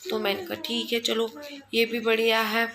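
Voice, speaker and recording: A woman's voice: a little high, completely flat delivery, normal speed, background noise. A young woman chatting casually at home for her family vlog, rambling along and often quoting her husband. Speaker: family vlogger. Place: at home indoors.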